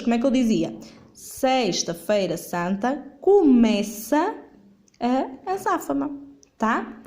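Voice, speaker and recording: A woman's voice: fairly high pitch, a little mellow, slight background noise. A woman teacher, going over a worksheet in a remote lesson, filming with her phone while she writes. She patiently asks questions and answers them herself. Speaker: primary school teacher.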